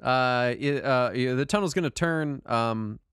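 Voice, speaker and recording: A man's voice: medium pitch, unhurried, smooth, no room sound, clean studio sound. A man narrating a tabletop game as game master, often laughing and joking with a player. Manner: laughing, playful, lively.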